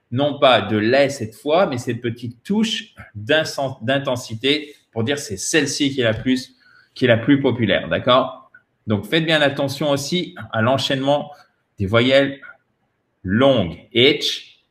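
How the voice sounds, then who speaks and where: A man's voice: medium pitch, animated. A man teaching English pronunciation in French, drilling each model word several times and checking in with "ok?". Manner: slow, repeats model words many times; often ends points with a checking "ok?". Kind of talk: French-language pronunciation lesson.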